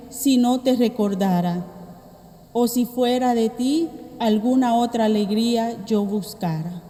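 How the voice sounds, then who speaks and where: Female lector, slow measured reading, mellow tone, cathedral echo with long reverb. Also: on the high side. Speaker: lector at Mass. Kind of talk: liturgical scripture reading. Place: large church. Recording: echoey church with long reverb.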